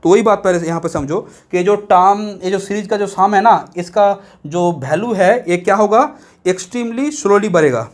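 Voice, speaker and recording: A man from India giving a classroom math lecture, explaining step by step and often asking students whether they follow. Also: sits high. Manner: explains step by step, checks understanding with repeated questions; reads English text from a book very slowly and word by word. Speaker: math teacher.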